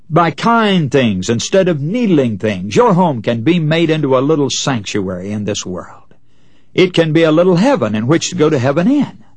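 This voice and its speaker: A man's voice: fairly high pitch, breathy edge, no echo. A man preaching a sermon, telling illustrative stories and addressing listeners as friends in an earnest, folksy way.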